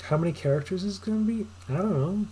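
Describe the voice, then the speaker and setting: A man's voice: high-pitched, fast talker, breathy edge. A man thinking aloud as he codes, muttering to himself in short, trailing fragments in a casual live-stream commentary style. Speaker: programmer streaming live coding. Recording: loud background noise, keyboard clatter. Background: typing and mouse clicks.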